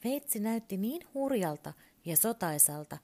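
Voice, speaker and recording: A woman calmly and expressively reading a children's story aloud. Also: mid-range voice.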